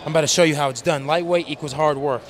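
A man's voice: on the high side, steady tone, quick pace, soft background music. A young man chatting casually and slangily as a fitness vlogger, in hyped motivational bro talk. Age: young adult. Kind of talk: casual slangy vlog chat. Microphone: small clip-on mic, held or worn.

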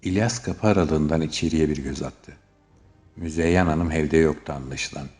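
A man narrating a short story as an audiobook reader, in a measured storytelling manner. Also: very deep voice, a little mellow, faint music behind.

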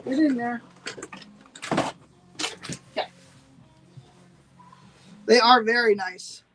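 A woman's voice: a little high, very slow, a bit bright, a little hiss or hum, poor audio. A woman hosting a live-streamed sale, chatting with viewers and repeating every price twice. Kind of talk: live-streamed sales pitch.

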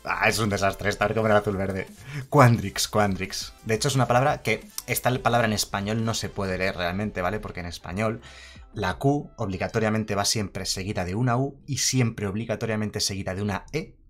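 A man talking casually through card previews, chatty and quick to correct himself. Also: on the low side, fairly bright tone, soft background music. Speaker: card game youtuber. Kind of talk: casual card-review commentary.

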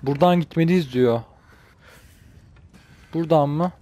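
A man's voice: a little high, unhurried, mellow, a little hiss or hum. A young man casually commenting on a game he plays, grumbling and translating the lines aloud. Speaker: gaming channel host. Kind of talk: casual let's-play commentary.

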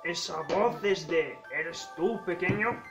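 A man from a Spanish-group voicing a very old grandfather, reading game dialogue slowly and gravely. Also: a little high. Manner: slow, drawn-out reading. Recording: roomy, loud game music behind.

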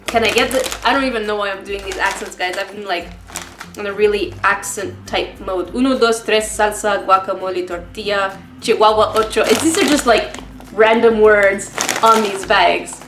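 A woman's voice: medium pitch, moderate pace, echoey room, music in the background. A woman vlogger rambling in a casual unboxing chat, emotional and close to tears, laughing often. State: tearful, emotional.

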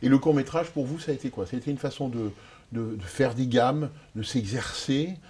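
A man's voice: mid-range voice, brisk, mellow, slightly rough. A man hosting a TV studio interview, asking searching questions with some hesitation. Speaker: interviewer, host. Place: TV studio set.

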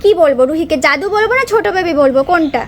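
A woman from West Bengal narrates a family vlog outdoors in her courtyard. Her voice sits very high, and she chats warmly with a toddler in sing-song baby talk. A clip-on wireless mic picks her up up close. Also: lively intonation, very fast, a little hiss or hum. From West Bengal, India. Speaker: vlogger, mother. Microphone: wireless lapel mic.

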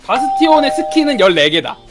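Guy reading quiz questions and calling answers, really lively pitch, loud music all over it. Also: brisk. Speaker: quiz question reader and judge.

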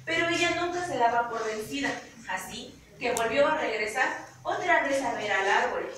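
A woman's voice: a little high, normal speed. A woman with a Mexican accent telling a children's story. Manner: lively, giggly storytelling. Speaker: student storyteller. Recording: echoey room, far from mic, noisy.

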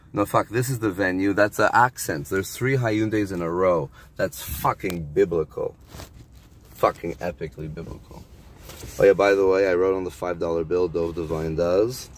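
A man filming a rambling, spiritual vlog from his car at a drive-through, talking to himself with bursts of excitement. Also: low-pitched, slight background noise. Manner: spiritual, excitable, talks to himself while driving. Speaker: vlogger. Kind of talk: rambling self-filmed vlog. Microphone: phone held in a car.

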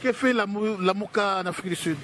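Male talk-show host, high-pitched, needling, playful. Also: quick pace, fairly bright tone, slight background noise. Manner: teasing, needling questions. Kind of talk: teasing talk-show interview.

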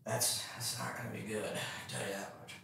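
A man's voice: on the low side, little pitch movement, fairly quick, creaky, distant mic. A man bantering casually during a food challenge, huffing and exclaiming with his mouth burning from spicy food. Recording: echoey room, off-mic, background noise.

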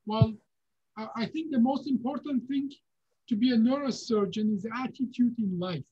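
A man, a neurosurgeon giving unhurried, halting career advice over a video call from a home office. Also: very high-pitched, mellow, breathy edge. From Iran. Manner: unhurried, halting, with many fillers and restarts. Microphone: video call webcam. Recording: dull, lo-fi video call audio.

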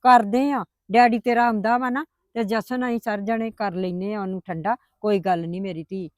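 A woman playing a patient grandmother who calmly coaxes and placates her family. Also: mid-range voice, moderate pace, no room sound, clean studio sound, lightly acted. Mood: coaxing. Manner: coaxing, placating. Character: patient grandmother, soothing mother-in-law. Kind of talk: family drama acting.

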